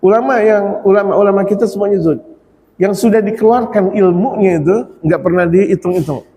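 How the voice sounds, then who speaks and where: Male preacher, lively sermon delivery, mellow voice, long reverb of a prayer hall. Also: high voice. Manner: animated, repeats phrases, chants prayers slowly.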